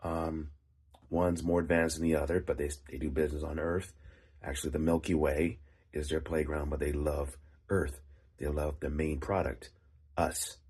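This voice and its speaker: A man with a gravelly, phlegmy voice telling a story casually in halting short phrases, like a writer hosting his own vlog. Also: a bass voice, level tone, a little mellow. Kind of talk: casual rambling storytelling monologue.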